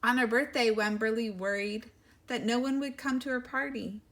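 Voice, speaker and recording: A woman with a fairly high voice reads a picture book to young children. She tells it expressively, like a teacher, and turns aside to speak to her listeners. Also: steady tone, normal speed, fairly bright tone.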